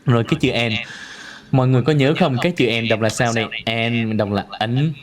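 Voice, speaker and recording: Man drilling pronunciation. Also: medium pitch. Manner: drills words slowly and repeats them many times. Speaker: English pronunciation teacher. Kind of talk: live online pronunciation lesson.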